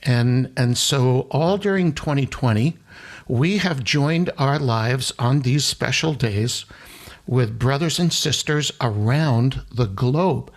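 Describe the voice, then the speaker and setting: A man from the United States, an interview guest, talking earnestly and warmly in an unhurried way. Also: mid-range voice. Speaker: worship leader guest. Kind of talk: interview conversation.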